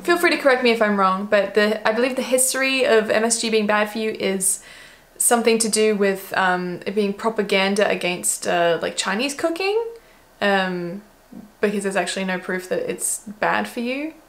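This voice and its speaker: A woman with an Australian accent, her voice mid-range and her pace moderate, chats casually as a vlogger. She rambles and pokes fun at herself while reacting to an old video of herself.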